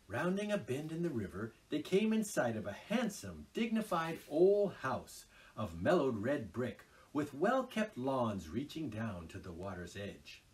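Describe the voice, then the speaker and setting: A man reading a children's classic aloud in an expressive, unhurried storytelling manner. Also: medium pitch, far from the mic, rough recording. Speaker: storybook reader.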